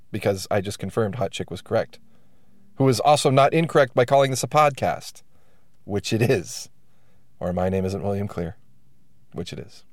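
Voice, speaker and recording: This podcast host has a mid-range male voice captured at studio quality, with no room echo. His allergies leave him sounding congested, and his casual monologue wanders wryly, mocking himself and frequently starting sentences over.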